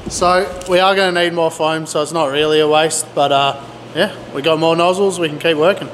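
Brisk and steady in tone, a middle-aged DIY vlogger speaks in a slightly high, fairly bright voice to a handheld camera. His casual, slangy chat echoes around a large indoor pole barn workshop, captured by a camera mic at arm's length along with clear background noise.

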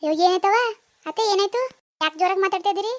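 A middle-aged mother soothes a quarrel in a rural Kannada village dialect, as a woman voices her for a cartoon. Her voice is high and she speaks fast. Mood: concerned. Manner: soothing, placating. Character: middle-aged mother who tries to make peace. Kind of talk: cartoon voice acting.

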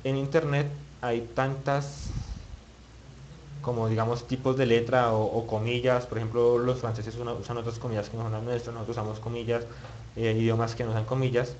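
A man's voice: mid-range voice, flat delivery, a little fast, darkish tone, muffled recording, a little hiss or hum. A man teaching web page building in a screen-recorded tutorial, thinking aloud and muttering as he clicks, with many restarts. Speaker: web development instructor.

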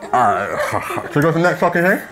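Man slurring through a propped-open mouth, lively pitch. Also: quick pace. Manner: constant swearing. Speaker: challenge host. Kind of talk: casual banter in a challenge video. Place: small room at a table.

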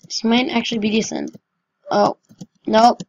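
A woman's voice: fairly high pitch, huge pitch swings, unhurried, gravelly, no room sound, lo-fi sound. A woman giving casual, chatty and self-mocking commentary over her own gameplay as a gaming channel host.

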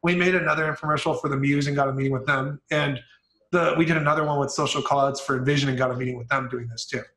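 A man's voice: mid-range voice, fairly even intonation, fast talker, pushed and bright, echoey room, low-quality recording. A man, a marketing executive, telling an upbeat story as an interview guest on a video call. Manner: upbeat, eager storyteller with casual fillers.

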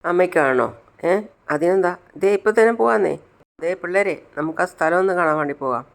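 A man's voice: sits high, a little fast, gravelly. A man voicing a loving, cheerful grown son who is affectionate and teasing toward his mother. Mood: eager.

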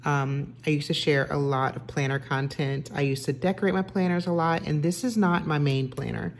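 Low-voiced woman chatting through her planner. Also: steady tone, moderate pace, slight background noise. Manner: chatty, self-correcting, many fillers. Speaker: lifestyle vlogger. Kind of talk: casual vlog chat. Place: home dining room, indoors.

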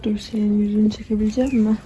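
A woman's voice: medium pitch, little pitch movement, fast talker, mellow, a little hiss or hum. A Turkish-accented woman on a farm vlog, coaxing and soothing a calf and hens outdoors, laughing often. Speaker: farm vlogger. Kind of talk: casual farm vlog, talking to animals. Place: outdoors in a farmyard garden.

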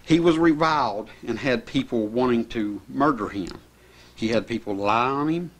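A middle-aged man delivers a sermon from behind a pulpit microphone in a small chapel. He reads scripture passages in an earnest, steady manner and explains them at an even, measured pace. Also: medium pitch. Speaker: preacher. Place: small church chapel indoors. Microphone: pulpit mic.

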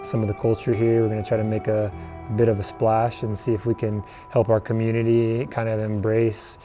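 A man in his thirties tells his own story as a furniture maker, speaking straight to the camera. His voice sits a little low and sounds mellow and warm. He talks in an easygoing, reflective way, with fillers and restarts, and soft music plays behind him. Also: completely flat delivery, fairly quick. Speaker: furniture maker and company founder. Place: outdoors in front of a building.

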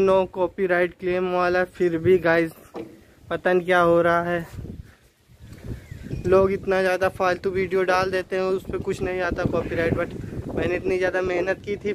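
A young man chatting casually to his vlog viewers, complaining and calling them guys. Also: sits high. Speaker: vlogger. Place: outdoors on a windy day. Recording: outdoor wind noise.

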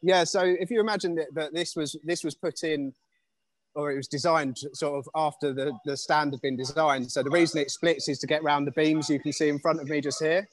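A man's voice: a little high, fairly even intonation, fairly quick, no echo. Man, stadium grounds manager, casual walkthrough, fillers, phone mic. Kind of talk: guided walkthrough.

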